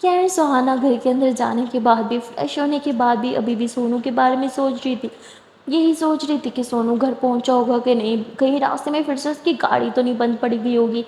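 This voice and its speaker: A woman's voice: high-pitched, a little mellow. Chatty woman telling a love story. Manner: chatty, asides to listeners. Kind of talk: casual spoken story narration. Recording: echoey room with long reverb.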